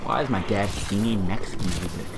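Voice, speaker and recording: A man's voice: lowish voice, brisk, noisy background. A young man giving casual off-the-cuff game commentary, repeating his phrases and playfully trash-talking. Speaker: gamer narrating own play. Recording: loud game gunfire behind voice. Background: shooter game gunfire and ambience.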